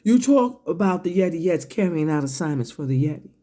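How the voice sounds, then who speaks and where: A medium-pitched, expressive voice with a dark tone moves fairly quickly through a confrontational, profane online rant, stretching out words one by one for emphasis. Between phrases the speaker sips a drink, coughs, and clears their throat.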